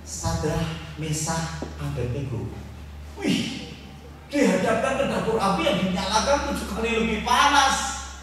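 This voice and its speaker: A man preaching a lively, joking sermon to his congregation, with a Javanese-tinged accent. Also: high voice, a little slow, distant mic, slight background noise. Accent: Javanese-tinged Indonesian. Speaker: pastor. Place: church hall. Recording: echoey hall, picked up from afar.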